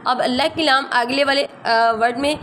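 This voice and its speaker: A woman teaching a tajweed lesson, patiently repeating letter sounds slowly and checking that students follow. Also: sits high, steady tone, fairly bright tone, slight background noise. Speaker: Quran recitation teacher.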